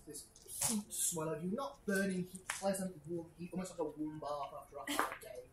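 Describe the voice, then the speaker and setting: Low-voiced woman game master, echoey room. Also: normal speed. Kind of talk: improvised tabletop game narration. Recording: roomy echo, clear background noise.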